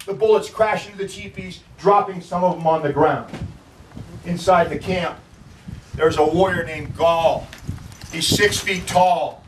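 A man's voice: sits high, unhurried. A male park ranger telling a battle story vividly outdoors, acting out the people in it. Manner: vivid, acts out quotes. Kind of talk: dramatic historical storytelling. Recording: echoey, distant from mic, faint noise.

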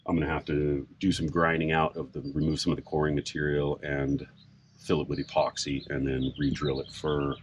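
A middle-aged man casually explaining a boat project outdoors in a sailboat cockpit, relaxed and rambling with frequent fillers. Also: rumbling low, fairly quick. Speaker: sailboat owner and vlogger. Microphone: camera on a mount a few feet away. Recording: outdoor recording with background noise.

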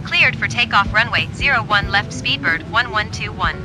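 A man playing a flight sim makes pilot radio calls on a headset mic, giving crisp, clipped readbacks in aviation phraseology. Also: sits high, animated, normal speed, music in the background.

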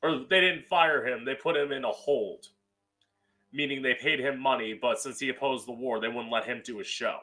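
A man's voice: mid-range voice, normal speed, pushed and bright, rough recording. A man with a campy drag queen delivery, giving an emphatic, opinionated monologue as host into a close studio mic. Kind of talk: solo opinion monologue to camera. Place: small room at home, indoors. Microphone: close studio mic on boom arm with pop filter.

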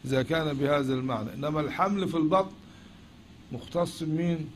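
Egyptian man lecturing, raised pitch. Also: fast talker, slight background noise. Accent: Egyptian Arabic. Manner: asks questions and answers them himself. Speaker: teacher of logic. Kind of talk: classroom lecture.

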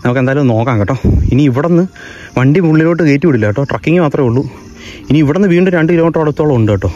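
A man's voice: on the high side, animated, rapid-fire, dark tone, lo-fi sound. A man with a Kerala accent narrating a casual travel vlog, mixing English words into his Malayalam. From Kerala, India. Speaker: travel vlogger. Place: outdoors on a hill path. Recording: noisy outdoor handheld recording.

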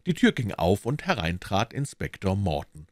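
A man reading a classic detective story aloud in steady audiobook narration. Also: lowish voice, moderate pace, dry recording, clean studio sound. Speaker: audiobook reader.

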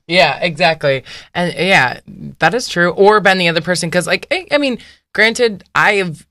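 A woman's voice: lowish voice, expressive, moderate pace, sharp tone. A woman co-hosting a podcast, talking candidly and bluntly in casual chat, laughing often. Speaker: podcast co-host.

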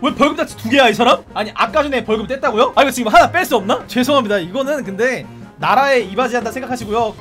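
A man giving playful, animated live commentary while streaming a police game, often shouting commands at the game's characters. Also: extremely high pitch, quick pace, soft background music.

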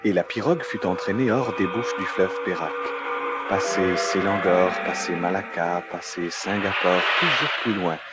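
Male storybook narrator, lowish voice, measured telling. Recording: loud music behind the voice.

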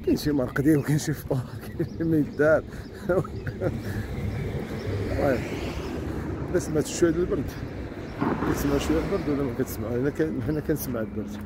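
A man's voice: a little high, fast talker, long pauses. A man with a Moroccan accent, chatting casually to his viewers as he walks along a cold, windy road. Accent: Moroccan Darija. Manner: chatty, talks to viewers while walking. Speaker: vlogger. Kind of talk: casual walking vlog. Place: outdoors on a country road in the cold wind.

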